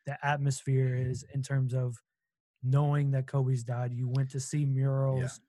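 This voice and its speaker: A man hosts a casual sports talk in a mellow, fairly flat voice, asking long, rambling questions. The sound is close and dry. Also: medium pitch, a little slow, no echo.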